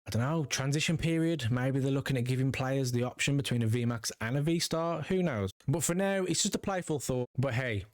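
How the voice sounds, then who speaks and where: A man who hosts a card-collecting channel chats casually and upbeat, speaking straight to his viewers. His medium-pitched voice has a darkish tone, and the studio-quality recording has no room sound.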